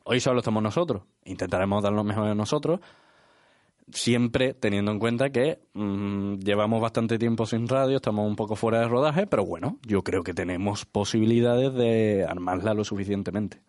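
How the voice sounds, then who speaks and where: A man's voice: fairly low pitch, moderate pace, darkish tone, dry recording, studio quality. A young man hosting a casual radio show, bantering playfully with his co-host.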